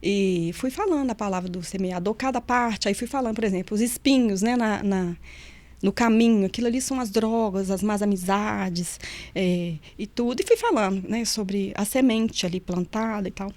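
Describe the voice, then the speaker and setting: A middle-aged woman, a nutritionist and former prison officer appearing as a guest, shares memories in a casual interview. She's a lively storyteller who performs the voices of the people she quotes, speaking at a moderate pace in a medium-pitched voice.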